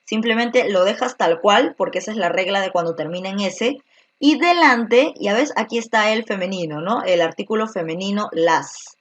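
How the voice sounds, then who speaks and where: A woman's voice: medium pitch, moderate pace. Woman teaching grammar, step by step. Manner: explains step by step with many tag questions. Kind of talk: virtual grammar lesson.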